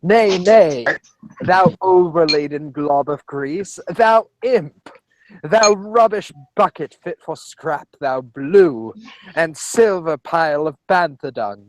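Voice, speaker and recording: Prissy golden robot in verse, read by a man; higher voice, slow careful lines. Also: expressive, noisy background. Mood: fussy indignant. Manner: fussy, scolding verse delivery. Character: fussy pompous golden male droid. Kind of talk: live Shakespearean verse reading.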